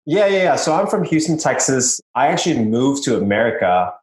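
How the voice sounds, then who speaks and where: A young man from Malaysia, a business owner, talking in a relaxed interview with lots of fillers and short laughs. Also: mid-range voice, brisk. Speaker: podcast guest, business owner. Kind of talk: casual interview. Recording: roomy echo.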